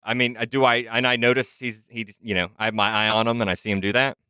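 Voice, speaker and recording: Bright, smooth-voiced man at the game table. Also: mid-range voice, little pitch movement, fast, no echo, clean studio sound. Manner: chatty, self-correcting. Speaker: player.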